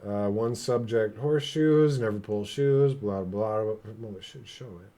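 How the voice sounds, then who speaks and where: A man co-hosting a casual podcast chat, swearing often and joking in a relaxed way. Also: fairly low pitch, measured pace. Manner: profane, joking, laid-back. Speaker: podcast co-host.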